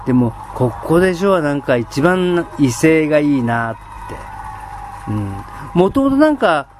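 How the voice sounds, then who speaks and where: A man's voice: a little high, sing-song, measured pace, soft background music. A man chatting on his own in standard Japanese, enthusiastic, with many fillers and frequent laughs. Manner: enthusiastic storytelling. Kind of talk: casual solo chat.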